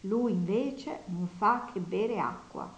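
Woman reading an audiobook, roomy echo. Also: mid-range voice. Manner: steady, measured reading. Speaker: audiobook narrator. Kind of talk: audiobook reading of a classic novel.

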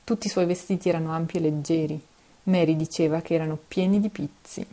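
A woman reading a children's novel aloud, steady and expressive. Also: deep voice, fast talker. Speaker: narrator. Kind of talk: storybook reading.

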